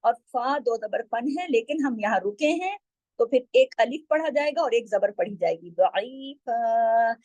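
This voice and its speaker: A woman teaching tajweed, explaining patiently and drawing out syllables slowly when she demonstrates. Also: fairly high pitch, animated, a little mellow, dry recording, low-quality recording. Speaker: Quran recitation teacher.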